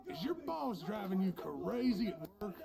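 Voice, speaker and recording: A man voicing a sleazy, pushy male pitchman in a spoof commercial played back from an old VHS tape, with over-familiar hard-sell patter. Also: sing-song, moderate pace, gravelly, crowd noise, heavily acted. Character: sleazy, pushy male pitchman selling cut-rate ninja hitmen.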